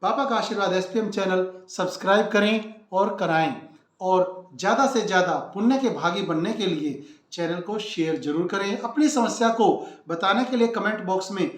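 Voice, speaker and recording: Devotional channel host, man, high-pitched, preachy, echoey room. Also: normal speed. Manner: earnest, preachy, addresses viewers directly. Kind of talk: spiritual advice talk.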